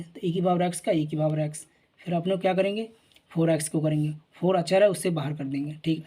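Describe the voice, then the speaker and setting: A man's voice: sits high, mellow. A man teaching a math lesson, working through examples step by step, asking questions and answering them himself, with frequent check-ins. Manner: repeats "theek hai na", asks and answers his own questions. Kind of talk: explaining at a board.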